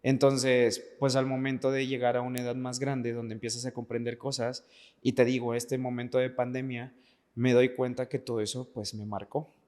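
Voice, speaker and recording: A Veracruz dancer of about thirty talks on a podcast in a level, medium-pitched voice with a darkish tone, at normal speed. Earnest and personal, he repeats words to drive points home, and the recording carries a hall-like echo.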